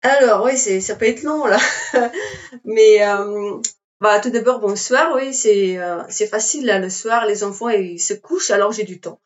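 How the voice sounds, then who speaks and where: A Slovenian woman in her forties with a Slovenian accent, chatting in a halting way with many fillers as an interview guest. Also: medium pitch, lo-fi sound. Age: 40s. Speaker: guest, climber. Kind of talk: casual interview chat.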